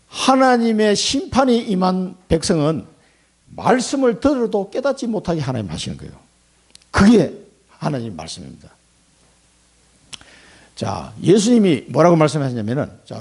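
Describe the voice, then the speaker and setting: A middle-aged male pastor preaching a sermon, acting out prayers and replies in lively quoted voices. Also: a little high, gravelly, slightly rough. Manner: animated, acts out prayers and God's replies in quoted voices, chuckles.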